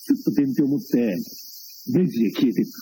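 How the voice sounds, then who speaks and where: A man who is a rakugo storyteller, co-hosting a casual chat and telling stories in a blunt, rough-spoken way. He was recorded outdoors. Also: medium pitch, animated, a little fast, warm tone, a little hiss or hum, rough recording. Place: outdoors, with cicadas in the background.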